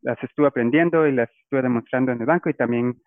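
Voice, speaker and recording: A man's voice: mid-range voice, fast, dry recording. A man from Guatemala, a guest explaining his career in a casual interview. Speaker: guest, data scientist. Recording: tinny phone-like line, dry.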